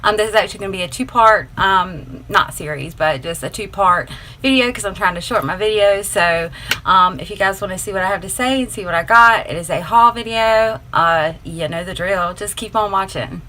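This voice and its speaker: A woman, gushing and excitable as she unboxes mail in a casual vlog, filmed on a tripod camera, first on her porch and then indoors. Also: mid-range voice, brisk, poor audio. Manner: gushing, excitable, many fillers. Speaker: beauty vlogger.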